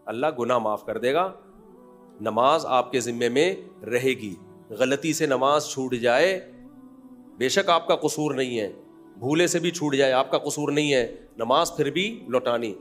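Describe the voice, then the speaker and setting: A man giving a religious lecture in a forceful, scolding way, mocking the other side by imitating them. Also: medium pitch, soft background music. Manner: forceful, scolding, mocks opponents with mimicry. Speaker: religious scholar. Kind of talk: lecture on prayer rulings.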